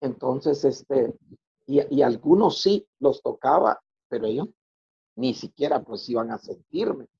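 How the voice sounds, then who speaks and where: A man telling his personal religious testimony, halting and repeating words as he goes. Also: medium pitch, animated, creaky, mellow, husky, lo-fi sound. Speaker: testimony speaker.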